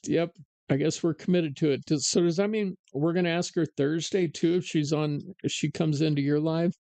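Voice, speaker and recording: A man's voice: a little high, steady tone, normal speed, dark tone, dry recording. A man hosting a live-streamed talk show, chatting casually and ranting sarcastically with plenty of fillers. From United States. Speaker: podcast host.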